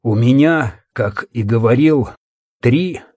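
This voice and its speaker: A man voicing a tired, grave older healer who speaks slowly and calmly. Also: slightly rough, no echo, studio quality. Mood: weary. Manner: slow, low, tired murmur. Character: weary older male healer, calm and grave.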